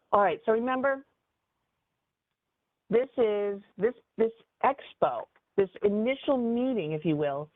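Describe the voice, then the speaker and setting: A woman business advisor giving a webinar training in an animated, conversational way, with frequent fillers. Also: mid-range voice, no echo. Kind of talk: webinar presentation. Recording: tinny phone-like dry audio.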